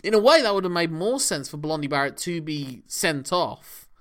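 With a fairly high pitch, lively intonation, and a fairly bright tone, this podcast co-host speaks at a moderate pace. His casual wrestling discussion breaks down matches in a chatty, analytical way, full of laughter.

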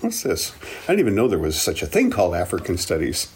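This interview guest, an African studies professor in his seventies, was born in the Belgian Congo and speaks English and Swahili natively. His voice sits low, is a little mellow and slightly rough, and has huge pitch swings as he talks fast, earnestly and thoughtfully reflecting on his life.

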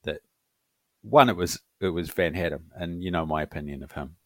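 Deep-voiced man chatting football. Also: a little fast, dry recording, clean studio sound. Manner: relaxed, meandering, with fillers and laughs. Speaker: podcast co-host. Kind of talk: casual sports podcast chat.

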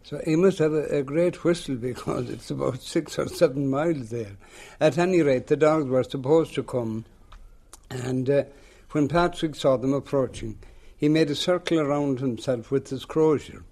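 An elderly man with a rural western Irish accent tells a tale aloud in a lilting, unhurried storyteller's way. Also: mid-range voice, creaky, warm tone. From rural west of Ireland. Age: older, seventies or above. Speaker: local folklore teller. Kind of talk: oral storytelling in an interview.

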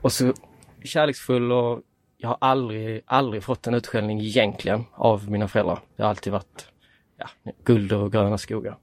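A man in his late twenties, appearing as a podcast guest, tells a story in a lively, casual manner and acts out the quoted dialogue. His voice is on the low side, and the recording is dry.

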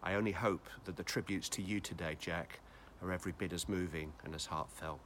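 Deep-voiced man giving a tribute. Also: fairly even intonation, a little fast, a little hiss or hum. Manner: solemn storytelling, loud bursts when quoting. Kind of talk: spoken tribute.

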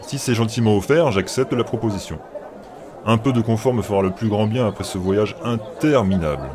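A man's voice: lowish voice, a little fast, noisy background, lightly acted. A man voicing a wealthy, refined male elf who speaks politely and measuredly. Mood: weary.

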